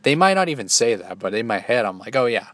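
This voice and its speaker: Young man rambling casually, lowish voice. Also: sing-song, fairly bright tone, no echo. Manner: loose, halting, many restarts and fillers. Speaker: solo vlogger.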